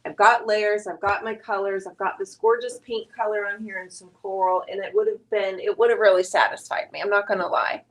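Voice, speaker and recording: A woman's voice: mid-range voice, fairly even intonation, brisk, few pauses. A woman hosting a live painting stream, chatting casually, greeting viewers by name and teasing her husband as she works.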